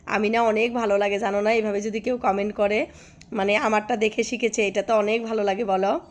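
A hoarse woman vlogging by a cowshed, chatting affectionately with her viewers and often asking if they follow. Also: medium pitch, level tone, brisk. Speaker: village life vlogger. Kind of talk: casual vlog chat to viewers.

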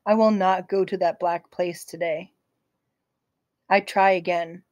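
Slow, gentle woman reading a novel aloud. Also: on the low side, fairly even intonation, no room sound. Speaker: audiobook narrator. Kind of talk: first-person novel narration.

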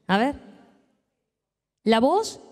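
A woman's voice: fairly high pitch, very animated, very slow, darkish tone, long reverb tail. A woman preacher with a Rioplatense Spanish accent, leading her congregation in prayer and call-and-response during a sermon. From Argentina. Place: church hall.

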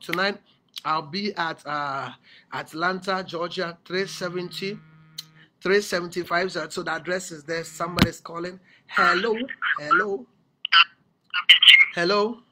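A man's voice: fairly high pitch, bright, forceful tone, slight background noise. A man hosting a live call-in broadcast as a prophet, urging callers with commanding, repeated instructions. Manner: commanding, repetitive exhortations.

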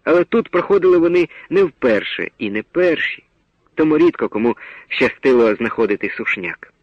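A man's voice: medium pitch, lively intonation, no echo, muffled recording. Male narrator on an old radio recording. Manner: measured, dramatic reading. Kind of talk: scripted audiobook narration.

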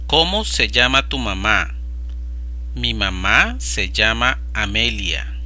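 Over a set of slides, a man with a lowish, very animated voice that sounds pushed and bright leads a Spanish vocabulary drill. He reads the practice phrases slowly, one by one, pronouncing each carefully.

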